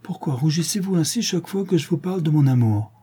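A man reading an audiobook, voicing a charming, teasing gentleman thief with playful confidence. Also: fairly high pitch, expressive, fast talker, slightly rough, pitched above the performer's own voice.

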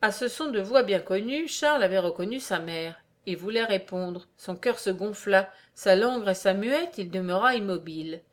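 A woman reading an old-fashioned story aloud in a measured, formal way. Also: mid-range voice. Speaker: reader.

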